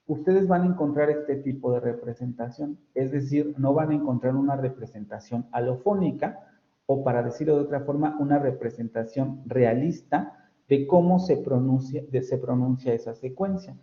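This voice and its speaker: A man's voice: medium pitch, normal speed. A man with a Mexican Spanish accent, a university professor giving an online phonetics lecture, explaining patiently and correcting himself often. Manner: explanatory, self-correcting, frequent fillers. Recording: roomy, dull lo-fi audio.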